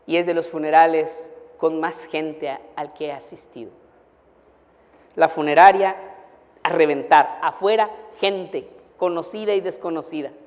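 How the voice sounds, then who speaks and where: A man with a Mexican accent, a pastor telling a story in a sermon, dramatic and emotional, swinging between loud urgency and hushed sorrow. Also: fairly high pitch, fairly even intonation, unhurried. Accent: Mexican Spanish. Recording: long hall reverb.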